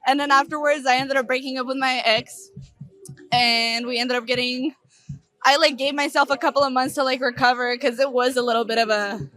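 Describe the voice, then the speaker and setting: A woman's voice: high voice, steady tone, a little fast, fairly bright tone. A young woman from Russia chatting casually outdoors in a park, saying "like" a lot and often laughing. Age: young adult. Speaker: interviewee. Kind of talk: casual chat.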